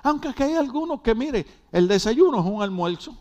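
A man pastor giving a humorous sermon in a church, joking with the congregation and swinging between loud and hushed. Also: extremely high pitch, brisk. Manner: animated, jokey preaching with wide swings in loudness. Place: church hall.

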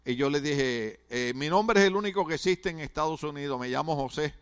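Stammering, joking pastor, higher-pitched. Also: male voice, fairly quick, clean tone. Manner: conversational, humorous preaching with stammered restarts. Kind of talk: sermon.

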